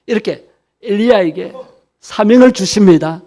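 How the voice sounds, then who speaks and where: High-voiced man preaching a sermon. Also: normal speed, mellow. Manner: earnest and exhortative, addressing the congregation directly. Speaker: pastor. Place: church service.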